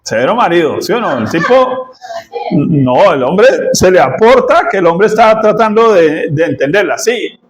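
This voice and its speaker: High-voiced, unhurried pastor preaching. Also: male voice, expressive. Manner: conversational, asks the congregation "¿sí?" often; acts out quoted voices and laughs at his own jokes. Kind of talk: sermon.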